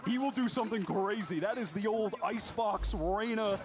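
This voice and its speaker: A man's voice: high voice, moderate pace. A man giving esports color commentary, often laughing in stunned disbelief. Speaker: esports co-caster.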